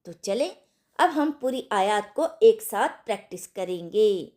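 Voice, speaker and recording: A woman teaching an online recitation lesson, repeating sounds slowly and checking whether her students understood. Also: medium pitch, lively intonation, a little mellow. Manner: slow, deliberate, repeats sounds for practice; asks the class if they understood.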